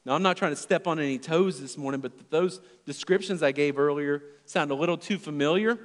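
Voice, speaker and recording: A fairly high-pitched male pastor preaches fairly quickly in a large hall of a church. His earnest sermon veers from loud emphasis to quiet, near-whispered lines.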